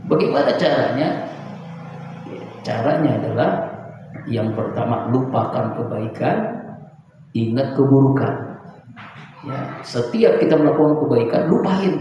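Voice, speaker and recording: A man preaching at a religious study session, telling stories with lively pleas acted out in a raised voice. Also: medium pitch, measured pace, long pauses, a little hiss or hum. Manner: animated storytelling, acting out pleas in a raised voice. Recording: echoey hall, distant mic, dull sound.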